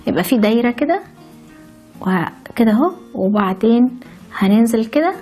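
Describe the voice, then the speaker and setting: A woman's voice: a little high, expressive, normal speed, mellow, slightly rough, faint music behind. A woman with an Egyptian Arabic accent teaches how to write letters. She explains step by step and cheerfully adds chatty stories along the way. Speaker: language teacher. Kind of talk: handwriting lesson with chatty asides.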